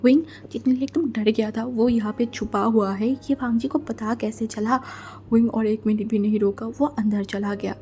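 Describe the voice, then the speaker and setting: A woman's voice: on the high side, steady tone, normal speed, dark tone. A woman narrating a fan fiction story in a chatty, casual way, mixing in English words. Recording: faint background music.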